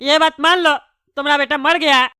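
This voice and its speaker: A woman's voice: high-pitched, steady tone, fairly quick, pushed and bright, no room sound, studio quality. Woman voicing a pompous bald politician. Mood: consoling. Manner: bossy, rambling, tactless consoling. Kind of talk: cartoon comedy dubbing.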